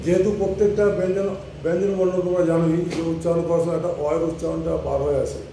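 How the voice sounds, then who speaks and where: Man, English tutor, fairly high voice, mellow tone, patient spelling out, roomy far-off sound. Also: little pitch movement, very fast, vocal fry, a little hiss or hum. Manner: patient, repeats and spells out letters. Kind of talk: online class explanation.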